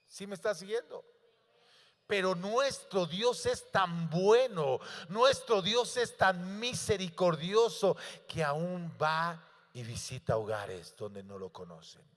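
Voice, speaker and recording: A male pastor preaching a sermon, building to loud emphatic peaks and asking the congregation questions. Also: high-pitched, expressive, slow pace. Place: church. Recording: long church hall reverb.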